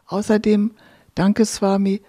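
Mellow, breathy radio narrator. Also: medium pitch, completely flat delivery, slow pace, no echo, studio quality. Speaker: radio host.

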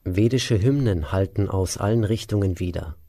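A man narrating an epic tale in a measured, even reading. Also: low-pitched. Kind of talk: storybook narration.

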